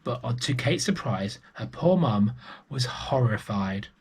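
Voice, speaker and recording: A man with a medium-pitched, husky voice reads a picture book to young children, his intonation lively and his pace a little slow. He reads expressively as an early years storyteller and adds chatty asides to his listeners.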